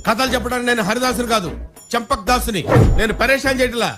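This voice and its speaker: A man's voice: very high-pitched, quick pace. An actor playing a sarcastic, scolding man in a film clip. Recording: music behind.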